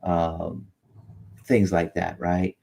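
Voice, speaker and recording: A man in his late fifties with a very deep voice talks in casual, rambling chat. He swears freely as he goes. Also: flat delivery, very slow, gravelly, mellow, breathy edge. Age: late 50s. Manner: rambling, profane.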